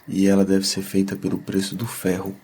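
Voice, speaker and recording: A man's voice: deep voice, completely flat delivery, brisk, a little mellow, a little hiss or hum. A man playing an earnest, questioning young adventurer, a loyal companion in a fantasy audio drama.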